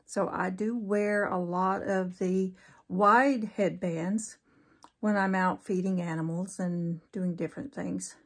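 A woman's voice: medium pitch, steady tone, slow. A middle-aged woman with a Southern US accent, hosting a casual crochet tutorial in a chatty, homespun way with fillers. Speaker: crochet channel host.

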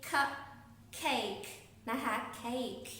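A woman's voice: on the high side, bright, forceful tone. A woman with a Thai accent teaching young children English phonics, spelling each word out letter by letter. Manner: slow, spells words letter by letter. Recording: echoey room, far from mic, faint hiss.

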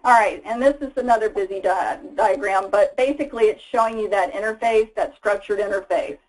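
Brisk and darkish in tone, this medium-pitched woman narrates slides as a product presenter. Her webinar delivery is casual and explanatory, sprinkled with fillers, and the audio is poor.

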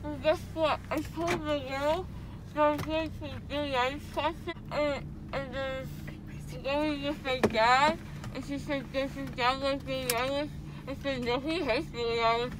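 High-pitched young woman muffled by mouth gauze. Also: fairly even intonation, moderate pace. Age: teenager or young adult. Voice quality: muffled, slurred speech through a mouthful of gauze. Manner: groggy, rambling, emotional. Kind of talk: casual chat. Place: inside a car. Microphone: handheld phone a short distance away. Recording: noisy car interior.

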